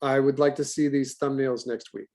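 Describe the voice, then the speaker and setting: A man teaching an online animation class in an animated, talkative way. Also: medium pitch, normal speed.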